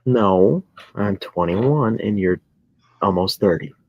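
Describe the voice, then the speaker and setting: Deep husky man in his twenties. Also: expressive, takes it slowly, no room sound. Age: 20s. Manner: rambling, self-correcting. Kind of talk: casual chat. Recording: dry, dull lo-fi sound.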